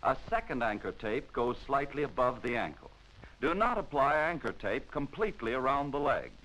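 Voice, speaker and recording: An American man gives a 1940s military-instructional-film style narration, formal and measured, in a mid-pitched voice with animated rises and falls. The clip resembles a vintage film soundtrack and is roughly recorded.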